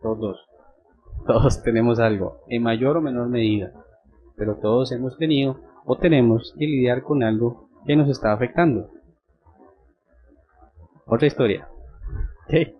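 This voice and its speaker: Husky young Costa Rican pastor. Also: male voice, medium pitch, a little slow, long pauses, phone-quality sound. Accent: Costa Rican Spanish. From Costa Rica. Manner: conversational, checks in with frequent tag questions. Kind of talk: sermon with personal storytelling.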